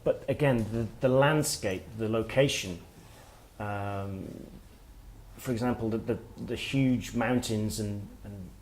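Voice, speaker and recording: A middle-aged man, an author giving a workshop talk, speaking in a reflective, halting way as he thinks aloud. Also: lowish voice, slight background noise. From Wales. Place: workshop room with listeners.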